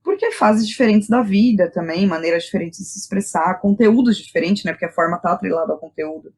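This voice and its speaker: She talks fast, her mid-range voice darkish and slightly rough. The speaker is a Brazilian-accented playwright and director, a guest in a reflective conversational interview who thinks aloud and keeps checking in with short tag questions.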